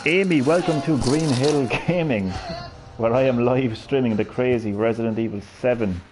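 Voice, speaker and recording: This Irish streamer in his thirties speaks with a Cork accent at a moderate pace, his medium-pitched voice slightly mellow. He keeps up a chatty, joking commentary on his live gameplay and talks to chat. A faint hiss or hum sits under the audio.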